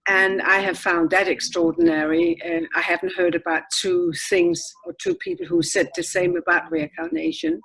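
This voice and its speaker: Husky older woman. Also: on the low side, expressive, a bit bright, low-quality recording. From Denmark. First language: Danish. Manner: measured, reflective. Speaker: panel guest.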